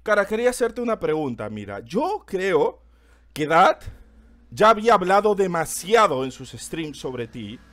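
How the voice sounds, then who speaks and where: A man chatting loudly on a game stream, excitable and swearing often. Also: high voice, a little slow. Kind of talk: casual stream chat.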